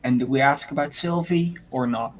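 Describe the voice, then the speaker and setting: A man's voice: mid-range voice, moderate pace, a little hiss or hum. A man giving casual commentary while playing a game, hesitant and giggly as he muses over choices. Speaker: let's-play player.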